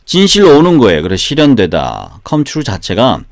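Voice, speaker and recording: A man's voice: mid-range voice, wildly swooping pitch, moderate pace. A man teaching English in a casual, chatty way, often asking rhetorical questions and repeating phrases. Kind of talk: casual spoken English lesson with sung examples. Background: guitar.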